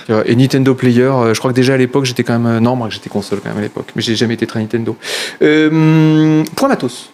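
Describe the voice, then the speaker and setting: A man's voice: mid-range voice, fairly even intonation, fast, a little mellow. A man hosting a casual chat, with a jokey, mock-solemn manner. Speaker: host. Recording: clear background noise.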